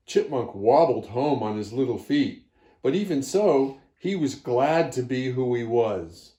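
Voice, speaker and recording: A man reading a children's story aloud slowly and expressively as storyteller. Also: mid-range voice. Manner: slow, gentle and expressive. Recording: roomy echo.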